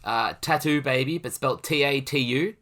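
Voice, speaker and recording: Laid-back young man, bright voice. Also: mid-range voice, moderate pace. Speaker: podcast co-host. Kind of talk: casual chat.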